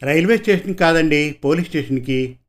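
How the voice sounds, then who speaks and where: A man's voice: on the high side, fairly quick, natural voice. A man reading a story, voicing a friendly, good-humored young police sub-inspector. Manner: easygoing, smiling. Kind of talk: audiobook character voice.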